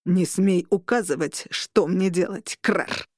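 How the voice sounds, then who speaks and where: A woman voicing an angry male vampire lord who shouts and snarls at his rivals. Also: high voice, fairly even intonation, moderate pace, no room sound, studio quality. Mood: furious. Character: furious vampire lord marshal, growling.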